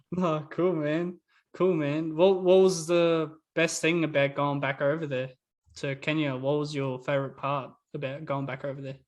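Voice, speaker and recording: A man's voice: a little high, level tone, measured pace. A young man hosting a casual podcast, talking with lots of ums and likes. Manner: hesitant, many ums and likes. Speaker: podcast host.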